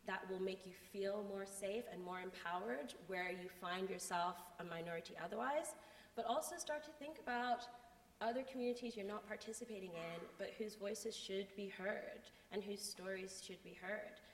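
A woman's voice: mid-range voice, normal speed. A woman who is a native English speaker, giving an earnest, articulate motivational talk with emphatic repetition. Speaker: conference speaker. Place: large reverberant room before a live audience. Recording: echoey hall with background noise.

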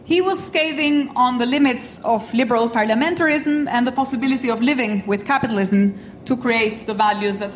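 This lecture comes from a middle-aged woman from Albania, a native French speaker invited to talk; she is thoughtful and unhurried, with flashes of wry humor at her own expense. Her pitch is fairly high. The mic is distant, and the roomy space rings over a soft hum of ambience.

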